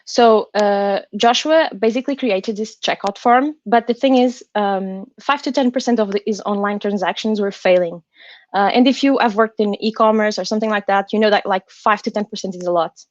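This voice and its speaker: A woman's voice: mid-range voice, no echo, lo-fi sound. Careful, from a woman. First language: not English. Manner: careful English, hesitant and halting. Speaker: designer presenting a workshop. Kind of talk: online workshop presentation. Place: indoors on an online call.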